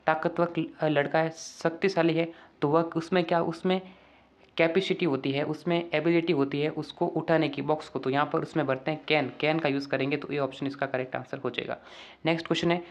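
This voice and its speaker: A man walking students through an exam paper, asking rhetorical questions and reading English sentences out slowly. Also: on the high side, lo-fi sound. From Rajasthan, India. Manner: keeps asking the class rhetorical questions, calls them friends. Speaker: teacher. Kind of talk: exam paper walkthrough lesson.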